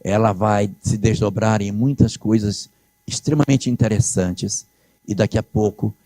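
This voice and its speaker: A man's voice: lowish voice, steady tone, unhurried, dark tone, dry recording. A man giving a spiritist lecture, explaining scripture and quoting it with dramatic emphasis.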